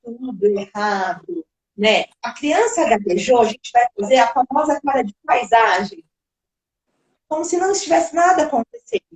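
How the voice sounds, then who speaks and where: A woman's voice: high-pitched, animated, moderate pace, reverberant, rough recording. A woman speech therapist giving explanatory answers in a live video-call interview, now and then acting out parents and children.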